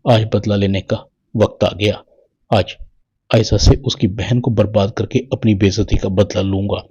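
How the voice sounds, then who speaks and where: A man's voice: on the low side, steady tone, darkish tone, slightly rough, muffled recording. A man reading the lines of a vengeful, scheming young man in his own plain voice.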